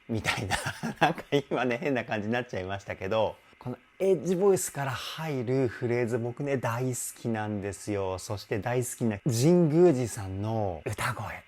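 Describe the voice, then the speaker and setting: A man's voice: mid-range voice, darkish tone, slight background noise. A man working as a vocal coach, giving enthusiastic commentary that analyses a song's vocals and demonstrating sounds with his own voice.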